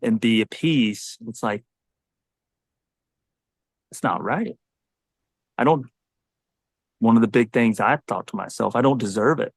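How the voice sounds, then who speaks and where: A man's voice: lowish voice, takes it slowly, vocal fry, long pauses, breathy edge, no echo, clean studio sound. A man in his forties, a Navy SEAL, talking earnestly and reflectively in a podcast conversation.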